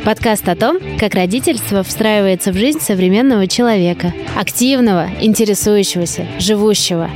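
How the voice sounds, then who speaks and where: A woman's voice: medium pitch, a little fast, few pauses, darkish tone, soft background music. A woman in her thirties presenting her podcast in a friendly scripted promo. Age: 30s. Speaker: podcast host.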